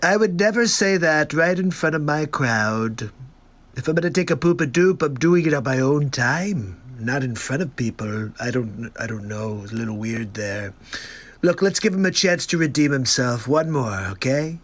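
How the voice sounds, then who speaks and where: With a mid-range voice, lively intonation, and moderate pace, a man runs a comedy livestream, ridiculing each clip he plays through incredulous, sarcastic commentary.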